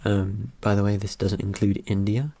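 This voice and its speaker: A young man talks casually through his results. His voice sits fairly low with a soft, mellow tone. He rambles, cracks dry jokes and leans on plenty of ums and uhs. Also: little pitch movement, normal speed, creaky, a little hiss or hum. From Britain. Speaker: vlogger. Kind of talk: casual commentary over results.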